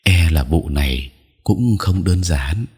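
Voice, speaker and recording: Gentle woman spirit medium, read by a man, low husky voice, soft and measured. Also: faint music behind, full character voice.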